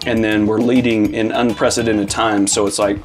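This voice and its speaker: A man's voice: on the low side, little pitch movement, normal speed, faint music behind. A man who leads a church, chatting casually and reflecting earnestly in long, loose sentences, from Arizona. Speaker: lead pastor. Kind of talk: casual interview chat.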